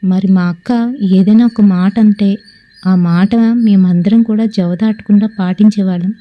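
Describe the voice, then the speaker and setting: A woman's voice: mid-range voice, fairly even intonation, moderate pace, muffled recording. A woman narrating a first-person ghost story and acting out family members' lines.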